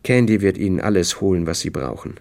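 A man with a low, gravelly voice voicing a calm, weary, detached upper-class woman in an audiobook. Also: fast.

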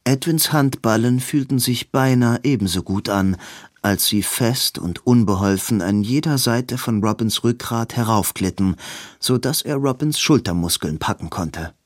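A man reading a novel aloud as an audiobook narrator, in a slow, even reading. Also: medium pitch, no room sound, clean studio sound. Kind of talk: scripted narration.

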